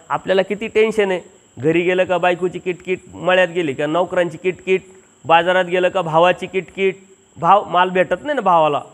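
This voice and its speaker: A high-voiced man from Maharashtra, with a fairly bright tone, preaches a Mahanubhav sermon at a village satsang. Earnest and homely, he tells stories and acts out the dialogue of the people in them.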